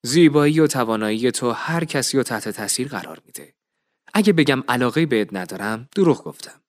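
Guy doing a calm earnest young noble dude, voice goes up and down a lot. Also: mid-range voice, natural voice.

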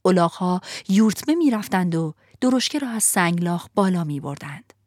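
A woman narrating a storybook in an expressive, vivid manner. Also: lowish voice, no echo, clean studio sound.

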